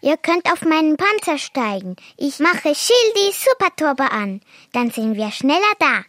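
A woman plays a jumpy little turtle in a children's audio story, with a high, bright voice. She talks slowly and stutters when a fright hits. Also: sing-song, no room sound, studio quality, full character voice. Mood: urgent. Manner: stammering when frightened, disgusted outbursts. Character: timid, fast-scared turtle with a turbo shell.

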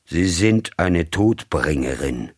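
A man reading a cold, formal gentleman's agent. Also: low-pitched, lively intonation, dry recording, clean studio sound, heavily acted. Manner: cold, formal, measured, turning commanding. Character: cold, commanding middle-aged male agent of a rich employer.

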